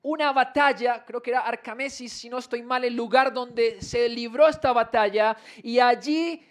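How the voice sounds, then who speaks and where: A pastor with a high-pitched male voice preaches in church. He asks his listeners questions, then reads scripture slowly with building emphasis. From Colombia. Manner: preaches with rhetorical questions to the congregation. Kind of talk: sermon. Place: church sanctuary.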